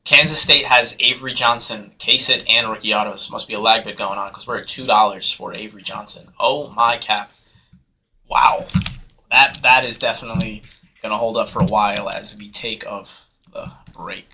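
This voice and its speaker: A man hosting a live sports card break, calling auction bids in hyped, fast patter. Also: on the low side, steady tone, background noise. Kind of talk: live sales commentary.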